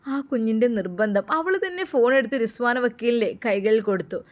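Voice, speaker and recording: A woman's voice: fairly high pitch, lively intonation, brisk. A woman with a Malappuram Malayalam accent, narrating a sad family story in a dramatic, emotive way. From Kerala.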